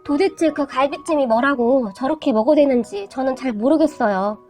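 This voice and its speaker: High-voiced woman reading a story. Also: normal speed. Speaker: story narrator. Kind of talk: first-person reading of an online story. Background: soft background music.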